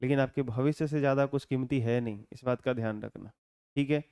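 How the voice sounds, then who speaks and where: A man with a Bihari accent teaching a class, talking calmly and without hurry, often asking the students to answer back. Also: mid-range voice, clean tone. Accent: Bihari Hindi. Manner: calm, unhurried, keeps asking students to answer.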